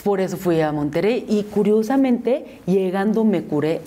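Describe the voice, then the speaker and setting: A woman's voice: medium pitch, expressive, normal speed, mellow. A young Korean woman with a Korean accent, speaking Spanish as a second language in a casual interview, with many restarts and repeated words. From South Korea. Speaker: interview guest.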